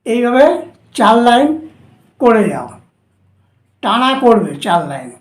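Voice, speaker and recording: A high-pitched woman with a Bengali accent walks students through shorthand strokes at the board, going over each step again and again. Her voice rings around an echoey room. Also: very animated, takes it slowly. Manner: instructive, repeats steps patiently. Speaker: shorthand teacher. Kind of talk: whiteboard lesson for students.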